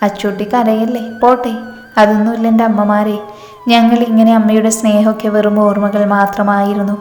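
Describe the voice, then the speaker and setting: A woman voicing a tearful young woman gently reassuring the older women around her. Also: medium pitch, flat delivery, moderate pace, close to an everyday voice. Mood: tender. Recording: echoey reverb with background music.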